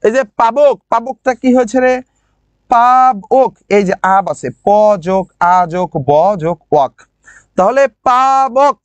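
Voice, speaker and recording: In an online admission-prep class, a man with a regional Bangladeshi lilt teaches grammar, drilling words by repeating them slowly and constantly asking his students questions. His voice is very high, with no echo.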